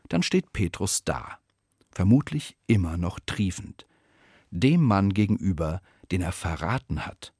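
A man retelling a Bible story as a devotional reflection, in a storytelling manner with slow, weighty pauses. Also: on the low side, darkish tone, breathy edge, no echo, clean studio sound. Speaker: preacher.

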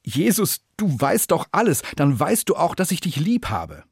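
A man's voice: a little high, wildly swooping pitch, normal speed, breathy edge, no room sound, clean studio sound, voice pushed up, heavily acted. A man voicing a flustered adult fisherman disciple who stammers and turns indignant.

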